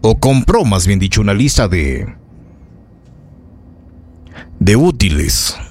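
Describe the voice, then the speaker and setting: Here the local radio news host, a man with an Ecuadorian accent, talks slowly in a fairly low, darkish voice with a breathy edge and big swings in pitch. His live commentary to listeners is opinionated, indignant and emphatic, and he repeats phrases to drive points home.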